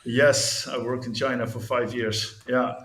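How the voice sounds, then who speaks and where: A Dutch man in his fifties tells his life story candidly as an interview guest, hesitating with many restarts and fillers. His medium-pitched voice is unhurried and fairly bright, with fairly even intonation, recorded in an echoey room.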